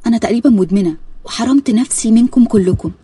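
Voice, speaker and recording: A woman's voice: a little high, very fast, warm tone, slightly rough, no room sound. A woman with an Egyptian accent voicing a shy, self-critical young bride in an earnest tone. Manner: earnest, sheepish.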